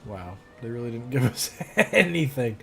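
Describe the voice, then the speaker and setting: A man's voice: mid-range voice, animated, moderate pace, creaky, pushed and bright, faint music behind. A man casually commentating his gameplay, thinking aloud and muttering his plans as he goes. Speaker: gamer.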